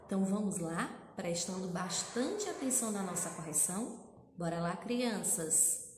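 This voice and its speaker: A Brazilian woman teaching young children, who speaks in a slow, sing-song way and stretches and repeats her words. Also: medium pitch, animated. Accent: Brazilian Portuguese. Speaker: primary school teacher. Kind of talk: recorded lesson for young children. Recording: echoey room, far from mic, faint noise.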